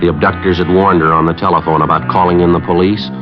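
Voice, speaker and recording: A male lead actor voices a stoic police detective narrating a case in a 1950s radio drama, his clipped scripted delivery terse, deadpan, and lightly acted. He sits low in pitch and talks fast, over muffled vintage radio audio with music.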